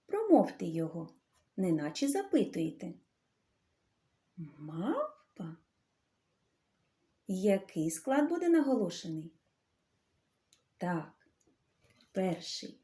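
A woman teaching a literacy lesson to young children. She talks slowly and clearly and draws out the sounds. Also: medium pitch, big pitch swings, mellow. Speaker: primary school teacher.

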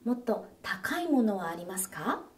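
A woman giving scripted instructional narration, repeating each phrase slowly and carefully for learners. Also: mid-range voice, very animated, distant mic.

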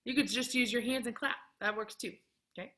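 A woman, around her thirties, leads a children's music lesson in an animated, encouraging, sing-song kindergarten teacher voice, recorded in a classroom on a computer mic. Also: on the high side, fairly quick, heavy background noise. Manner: animated, exaggerated clear delivery for children. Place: empty classroom. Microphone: computer mic at arm's length, video call.

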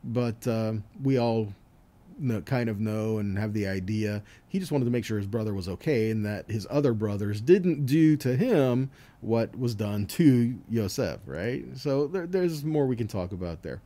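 With a lowish, warm and expressive voice at a moderate pace, a man leads an informal Bible teaching that includes scripture readings. He speaks conversationally and keeps checking in through rhetorical questions.

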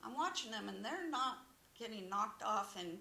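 Gravelly-voiced middle-aged woman giving testimony. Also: a little high, expressive, moderate pace, sharp tone, slight background noise. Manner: earnest, storytelling, quotes scripture. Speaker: church member sharing a testimony. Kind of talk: personal testimony. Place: small wood-paneled church sanctuary, indoors. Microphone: podium microphone. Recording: roomy church echo.

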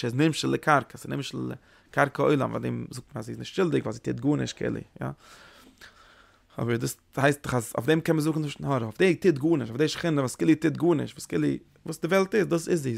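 Gravelly man teaching, halting. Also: mid-range voice, dry recording. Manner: halting, repeats words and restarts phrases. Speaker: Torah teacher. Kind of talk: Kabbalah lesson.

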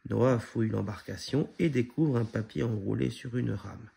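A man reading a children's picture book aloud in a steady storytelling manner. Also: mid-range voice, moderate pace, creaky, slightly rough. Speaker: storybook reader.

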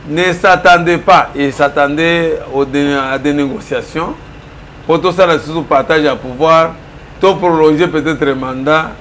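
This studio interview features a middle-aged, Congolese-accented political commentator who alternates Lingala and French while setting out political arguments. His voice is a bit high with a fairly bright tone, and he stresses his points firmly. A faint ambient hum fills the small office where he talks.

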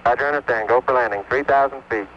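A man's voice: medium pitch, fast. A man speaking clipped radio procedure over a crackly, breaking-up space mission radio link. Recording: noisy lo-fi archive radio transmission.

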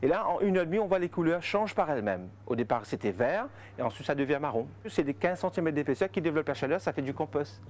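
A man guiding visitors through tea fields and a factory, explaining in halting sentences full of fillers. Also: a little high, expressive, a little mellow. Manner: halting, with frequent fillers and restarts. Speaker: tea estate guide. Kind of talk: explanatory interview answers.

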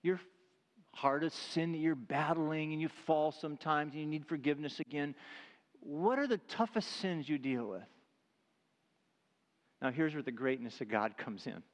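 A middle-aged male pastor preaching a sermon with emphasis, who drops to a hush when he retells tender moments. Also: a little high, moderate pace, long pauses, big-room sound. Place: church sanctuary.

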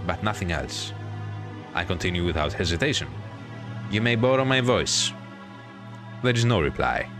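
A gaming video host with a low voice narrates a visual novel dramatically, drawing out his words, while mixing in casual remarks of his own.

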